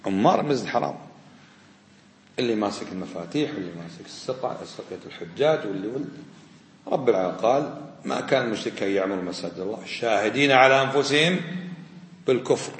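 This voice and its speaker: A man's voice: lively intonation, fast, pauses often, a little hiss or hum. A man teaching a religious lesson, quizzing his students and repeating his questions. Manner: quizzing, repeats questions, drops to low asides. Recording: echoey hall.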